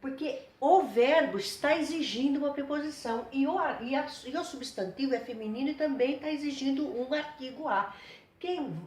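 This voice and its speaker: A woman teaching a grammar lesson, patient and repetitive, slowing down to spell out her examples. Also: high voice, reverberant. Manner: patient, repeats words and restarts, slows to spell out examples.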